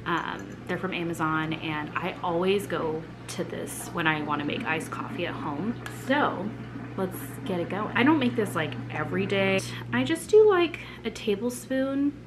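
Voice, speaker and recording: A young woman chatting casually to camera as a vlogger in her home kitchen, relaxed and full of filler words. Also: fairly low pitch, normal speed, over music. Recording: home recording with clear background noise.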